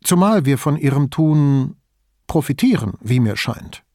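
A man voicing an older male police commissioner who speaks calmly and wryly. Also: medium pitch, unhurried, dry recording. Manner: calm, dry, wry. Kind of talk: audiobook character voice.

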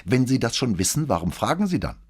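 A man's voice: medium pitch, sing-song, fast, breathy edge, voice pushed up. A man voicing an arrogant young male military cadet, haughty and curt, in an audiobook reading.

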